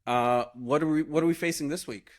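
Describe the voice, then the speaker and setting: A man's voice: on the high side, fairly quick. A man in his thirties hosting a casual podcast, teasing his co-hosts and moving the segments along. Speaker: podcast host.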